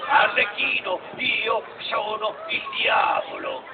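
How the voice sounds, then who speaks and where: A man plays a boastful, menacing devil puppet. The words are drawn out and declaimed loudly for a live children's puppet show. The sound is distant, with a loud crowd around it. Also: sits high, takes it slowly, gravelly, over loud music, full character voice. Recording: tinny, noisy, distant outdoor crowd recording.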